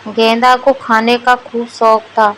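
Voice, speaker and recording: A woman narrating a comic storybook tale in a plain, unhurried reading. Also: fairly high pitch, little pitch movement, a bit bright, slight background noise, low-quality recording.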